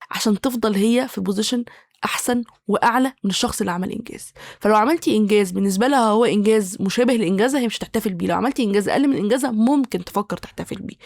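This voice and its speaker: Brief: Egyptian woman podcast host, a little high, animated comic monologue. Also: no room sound. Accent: Egyptian Arabic. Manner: animated, self-mocking, acts out quoted people. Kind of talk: casual comedic monologue.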